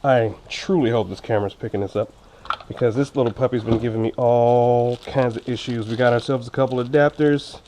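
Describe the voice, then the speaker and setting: A man's warm, medium-pitched voice stays steady and runs a little fast, slightly impeded by the braces he wears. As a motorcycle vlogger, he gives a casual, chatty unboxing review of gear full of jokey, self-teasing asides. The recording is low quality, with clear background noise and clicks.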